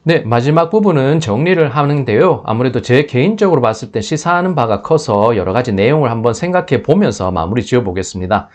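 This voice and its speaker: A man's voice: medium pitch, expressive, a little fast, hardly any pauses. A man giving spoken commentary on finance news, thinking aloud and often breaking off to restart a word.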